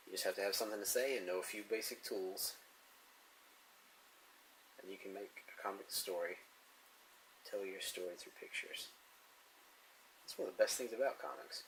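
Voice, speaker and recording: Here an artist sketches on camera, laughing softly and musing aloud in a relaxed way about comics and his drawing. The man's voice is on the low side and a bit bright, and the rough recording carries a little hiss or hum.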